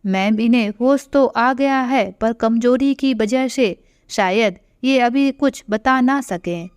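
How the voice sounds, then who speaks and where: A woman voicing a calm male hospital doctor who explains a patient's condition in an audio story. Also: a little high, slow pace, clear, resonant tone, dry recording, clean studio sound. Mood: explaining. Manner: matter-of-fact, explaining.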